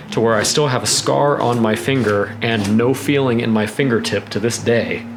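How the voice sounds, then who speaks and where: A man casually narrating his cooking at home, rambling in a laid-back, profane way. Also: medium pitch. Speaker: host of a cooking vlog. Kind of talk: casual chat while cooking, narrating each step. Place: home kitchen.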